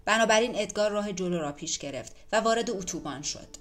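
A woman's voice: mid-range voice, animated, fairly bright tone. Woman narrating a dramatic audiobook. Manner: measured, dramatic storytelling. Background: faint music.

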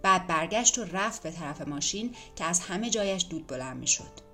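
A woman reading an audiobook in a measured, dramatic storytelling manner, with faint music behind. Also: on the low side, expressive, bright, forceful tone. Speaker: narrator. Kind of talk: audiobook narration.

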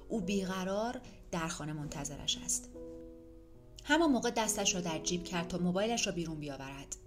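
A woman narrating an audiobook in an even, measured reading. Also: fairly low pitch.

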